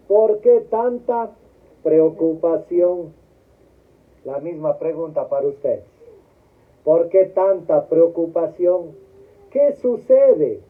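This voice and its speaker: A man giving a memorial homily as a priest, putting questions to the congregation and waiting for them to answer. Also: high-pitched. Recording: tinny phone-like sound.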